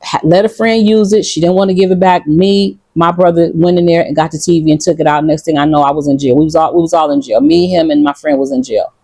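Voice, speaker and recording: Outdoors in Ghana, a Detroit woman vlogs casually to camera, blunt, defiant and profane in her Detroit accent. Her voice is deep and mellow with vocal fry, the intonation fairly even and the pace quick. There's no room sound.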